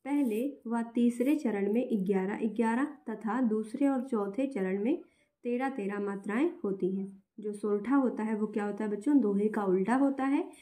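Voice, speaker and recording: A woman teaching a lesson in a mellow, warm voice that sits a little high. She explains step by step, asking questions and answering them herself. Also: normal speed. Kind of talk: classroom-style lesson.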